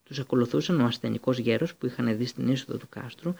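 A man reading a storybook aloud, steady, with occasional slips and restarts. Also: medium pitch, gravelly, husky. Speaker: audiobook reader. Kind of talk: storybook narration.

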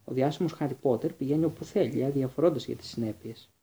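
A man's voice: mid-range voice, dark tone, lightly acted. A man reading aloud and voicing a stern, sneering male professor who interrogates coldly. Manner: sardonic, interrogating.

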